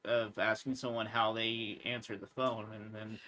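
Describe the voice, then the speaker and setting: A man's voice: fairly low pitch, flat delivery, moderate pace, sharp tone, slight background noise. A man in his mid-thirties co-hosting a podcast, talking in an easygoing, agreeable way with frequent "yeah"s and restarts. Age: 30s. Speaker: podcast co-host. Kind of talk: casual chat.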